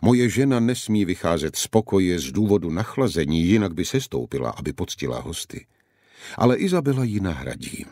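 A man doing a deep-voiced courteous lord. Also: very animated, dark tone, no room sound, studio quality, heavily acted. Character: hospitable lord, man, grave but joking. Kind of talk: audiobook character voice.

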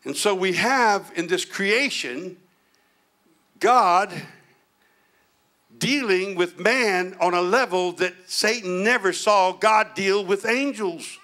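A man's voice: high voice, slow, bright, forceful tone. A male pastor preaching a humorous, storytelling sermon.

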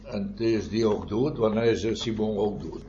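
Telling meandering stories in an oral history interview, this older former miner often tacks on tag questions and short chuckles. His voice is fairly low and dark in tone at a normal speed, and the recording is muffled with faint noise.

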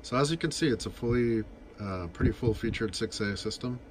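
Standing indoors by an equipment cabinet, a man gives a casual, unscripted demonstration of vintage telephone gear, explaining matter-of-factly. He speaks a little fast in a mid-range voice, captured on a camera microphone with slight background noise.

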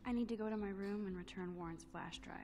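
An understated, thoughtful teen girl played by a woman in a video game. She sounds awkward and quietly wry at a middling pitch, a little away from the mic. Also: quick pace, recorded from a distance, soft background music, lightly acted.

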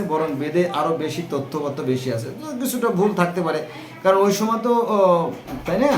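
High-voiced man lecturing in an echoey room. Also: a little hiss or hum. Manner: explanatory, lists terms, asks rhetorical "right?". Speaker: religious speaker. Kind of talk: informal religious talk to viewers.

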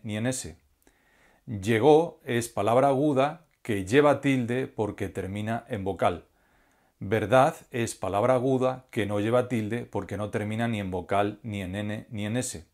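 A man giving a scripted grammar lesson as a teacher, speaking slowly and deliberately and spelling out syllables one by one. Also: mid-range voice, a little mellow. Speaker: language teacher.

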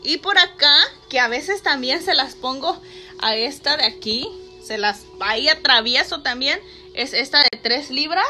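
A woman's voice: sits high, animated, unhurried, bright, forceful tone, faint music behind. Upbeat woman with a Mexican Spanish accent. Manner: chatty, upbeat, motivational. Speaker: fitness vlogger. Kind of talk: casual chat to camera. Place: small bedroom indoors. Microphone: phone camera close up.

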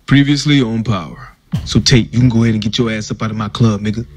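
A man's voice: fairly low pitch, quick pace, dry recording, natural voice. A man voicing a flustered, joking young male college bear in a cartoon, often stammering.

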